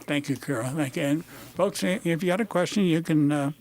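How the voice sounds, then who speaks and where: Halting male radio talk host. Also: a little high, a little mellow. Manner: halting, many fillers and restarts. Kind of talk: casual radio interview. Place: radio studio.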